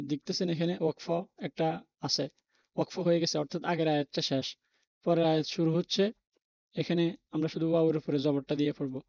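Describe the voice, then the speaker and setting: A patient teacher with a medium-pitched, slightly mellow voice spells out Arabic letters and vowel marks one by one in a Quran reading lesson. Reassuring throughout, the teacher talks learners out of worry, insisting it is not hard, on a dry, dull, lo-fi recording.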